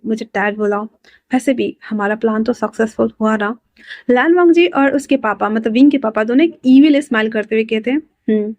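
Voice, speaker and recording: A woman narrates a fan-fiction story in a loose, chatty manner, reading out the characters' lines herself and now and then breaking in with her own excited asides. Her voice sits a little high. The recording is close and dry, with no room sound. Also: dry recording.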